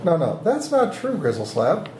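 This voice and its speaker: A man's voice: a little high, wildly swooping pitch, moderate pace. A man running a tabletop game as game master, casual and teasing with the players. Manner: joking, teasing. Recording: roomy echo, background noise with clicks.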